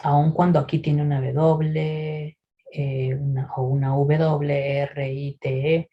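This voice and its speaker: A man teaching English pronunciation in a recorded lesson, patiently explaining and often checking in with a quick "¿sí?". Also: a little high, flat delivery, lo-fi sound. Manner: models English words slowly for repetition.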